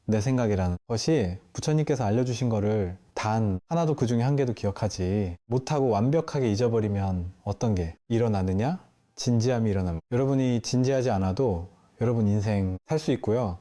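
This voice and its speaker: A man's voice: on the low side, warm tone. A man, a Buddhist monk, giving a playful question-and-answer sermon in a temple hall, telling stories and quizzing his listeners. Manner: playful storyteller, asks the audience questions. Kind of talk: lively Q&A sermon to a temple audience.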